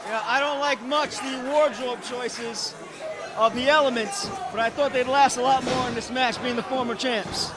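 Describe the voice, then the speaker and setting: A man's voice: extremely high pitch, fairly even intonation, moderate pace, very noisy. A man giving lucha libre color commentary from a ringside broadcast table. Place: broadcast table at a wrestling event. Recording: very loud crowd and music behind.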